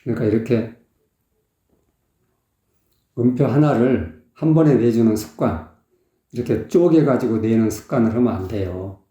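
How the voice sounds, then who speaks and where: A man's voice: mid-range voice, moderate pace, long pauses, dark tone. A man working as a vocal coach, analysing a singer's performance and explaining technique step by step. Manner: explanatory, sings short phrases to demonstrate. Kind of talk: song analysis commentary. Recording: echoey, dull lo-fi sound.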